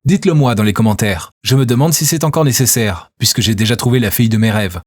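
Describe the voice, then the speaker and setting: A man narrating a scripted first-person story in a steady, earnest manner. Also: medium pitch, fast talker, no room sound, clean studio sound.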